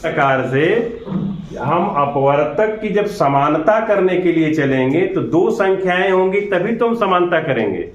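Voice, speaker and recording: A man's voice: fairly high pitch, lively intonation, measured pace. A man teaching a classroom lesson, patiently explaining and often checking that the class understands. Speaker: school teacher. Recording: echoey, dull lo-fi classroom recording.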